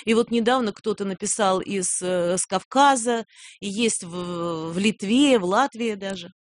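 A woman's voice: mid-range voice, normal speed. Older woman explaining with many hesitations. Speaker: guest. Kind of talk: radio interview conversation. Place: radio studio.

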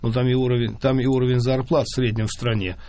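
A man's voice: medium pitch, little pitch movement, quick pace, dark tone, slight background noise. A man in his fifties, a conductor, answering interview questions earnestly and often restarting his words. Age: 50s.

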